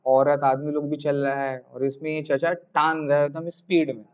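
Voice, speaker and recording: A male tutor with a high voice gives a classroom lecture and tells an animated anecdote. He keeps checking that the students follow, calling them sir. The recording sounds dull and lo-fi. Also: normal speed, clean tone.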